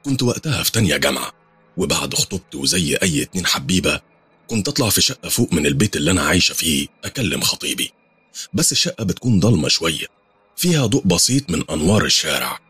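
A man with an Egyptian accent narrating a first-person horror story, telling it fast and lively. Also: low voice, breathy edge, no room sound, soft background music. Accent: Egyptian Arabic.

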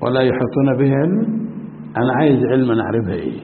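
A man with an Egyptian Arabic accent, a sheikh teaching a religious class, who keeps quizzing his students and stretches out key words slowly for emphasis. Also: mid-range voice, lively intonation. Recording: tinny lo-fi recording in a reverberant hall with faint noise.

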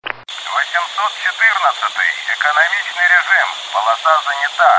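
A man's voice: fairly high pitch, big pitch swings, normal speed, voice pushed up. A man doing clipped radio chatter of military pilots. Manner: clipped radio callsigns and numbers. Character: terse male military pilots and controller on radio. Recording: noisy, distant radio sound.

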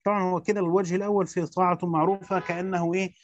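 Fast-reading man, muffled recording. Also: sits high, flat delivery, soft background music. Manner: rapid recitation with brief spoken explanations. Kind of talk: fast reading of a Quran commentary with asides.

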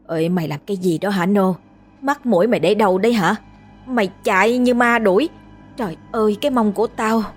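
A woman's voice: mid-range voice, a little fast, faint music behind, natural voice. A woman voicing a blunt, plain-spoken old village grandmother who scolds. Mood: scolding.

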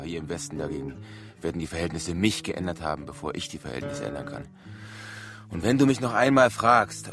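Pompous officer de Björn. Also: male voice, low-pitched. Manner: indignant, pompous, reproachful. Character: de Björn, self-righteous frontier officer. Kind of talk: radio play acting.

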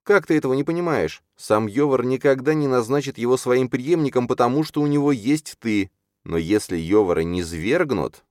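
A man's voice: mid-range voice, a little fast, no room sound, studio quality, voice pushed up, natural voice. A man reading an audiobook, voicing an anxious, insistent young sorceress in a raised, pleading voice. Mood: urgent. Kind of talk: audiobook character voice.

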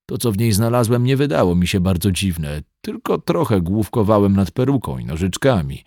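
A man's voice: on the low side, big pitch swings, moderate pace, dry recording, studio quality. A man voicing a cool, menacing middle-aged man. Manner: cool, controlled, quietly threatening. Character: 42-year-old man, calm yet menacing. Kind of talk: audiobook reading.

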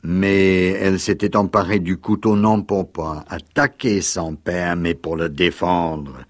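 A huge, worn-out male secretary in a storybook reading, as a man reads him. His confessions come blunt and heavy, low-pitched and slow. The recording is close and dry. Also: steady tone, no echo. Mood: grave.

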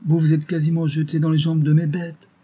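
A man's voice: on the high side, completely flat delivery, fairly quick, dark tone, husky, pitched above the performer's own voice. A man voicing a blunt, rustic market gardener who drawls in country speech. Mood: gruff relief.

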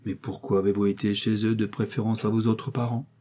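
A man reading the part of a strange rich older gentleman who questions gravely and courteously. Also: lowish voice, little pitch movement, brisk.

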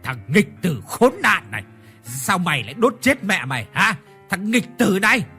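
A violent older village father spits curses in a loud, rising bark, as a male storyteller puts him on. Quiet music plays underneath. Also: high voice, big pitch swings, moderate pace, pitched above the performer's own voice, full character voice. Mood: furious. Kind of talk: storytelling with acted voices.

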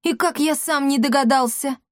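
Woman reading as an excitable young male inventor; raised pitch, eager delivery, dry close mic. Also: normal speed, no room sound, close to an everyday voice. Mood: excited. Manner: eager, exclaiming.

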